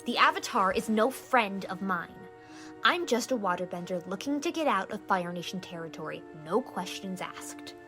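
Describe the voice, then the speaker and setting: A woman voicing Katara, a determined, sharp-witted teenage female waterbender, in a fan-made animated comic dub, asking pointed, skeptical questions. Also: mid-range voice, normal speed, music in the background, close to an everyday voice. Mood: guarded.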